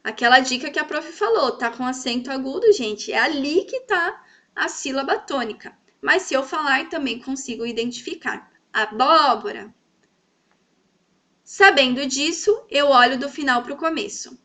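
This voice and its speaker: A woman teaching a grammar lesson to children, stretching out example words slowly and checking in often with her pupils. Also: high voice, lively intonation, bright, forceful tone. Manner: sweet, coaxing, checks in often.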